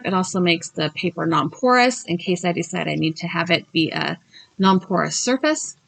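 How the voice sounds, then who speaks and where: A woman's voice: medium pitch, gravelly. Chatty woman talking with braces. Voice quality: slightly slurred, careful articulation from wearing braces. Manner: chatty, self-deprecating. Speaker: craft tutorial host. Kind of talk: casual tutorial voice-over.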